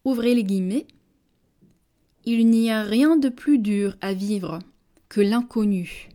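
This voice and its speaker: Woman reading a dictation real slow, mellow voice, says every phrase twice. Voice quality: measured, deliberate, dropping low on punctuation words. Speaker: dictation reader. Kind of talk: slow French dictation, each phrase read twice with punctuation spoken.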